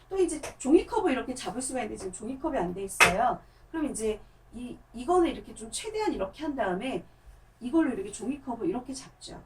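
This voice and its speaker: A woman's voice: a little high, recorded from a distance, low-quality recording. A woman who performs in a hand-puppet theatre, chattily explaining and demonstrating puppet technique. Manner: chatty, lively, lots of demonstrative words.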